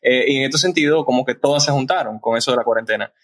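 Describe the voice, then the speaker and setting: A man's voice: medium pitch, fast, fairly bright tone, low-quality recording. Podcast host guy, frank and chatty, kinda rambles and restarts a lot. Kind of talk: casual podcast conversation.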